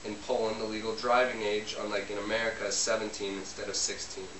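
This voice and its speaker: A man plays a young Polish man cooking in a home kitchen for an amateur comedy sketch interview, answering hesitantly with many ums in a relaxed mood. His voice is fairly low, flat, fast, and close to everyday speech. A distant camera mic gives a roomy, hissy home-video sound.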